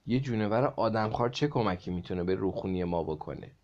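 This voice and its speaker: A man's voice: fairly low pitch, lively intonation, a little mellow, muffled recording, close to an everyday voice. A man voicing a dramatic schoolgirl who cries out in fear, reading a storybook aloud. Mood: frightened. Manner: exclaiming dramatically.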